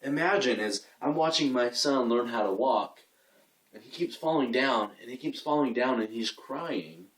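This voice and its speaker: A man's voice: medium pitch, expressive, moderate pace. Young man, earnest casual faith talk, repeats himself, roomy echo, mic set back. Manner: earnest, repeats words, restarts sentences. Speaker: video host giving faith advice. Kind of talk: casual inspirational talk to camera. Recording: roomy sound from a distance.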